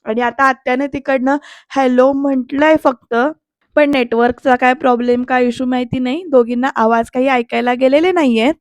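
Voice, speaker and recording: A woman's voice: high voice, fairly even intonation, moderate pace, no room sound. A woman narrating a voice-over episode recap of a TV serial, chatting directly to her viewers. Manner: chatty storyteller addressing viewers. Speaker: serial reviewer.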